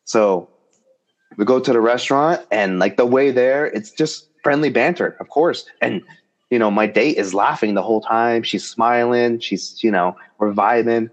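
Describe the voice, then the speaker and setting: A man hosting a casual chat, telling a dating story in an animated, joking way. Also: normal speed. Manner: animated and joking, with big pitch jumps. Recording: slightly dull, lo-fi sound.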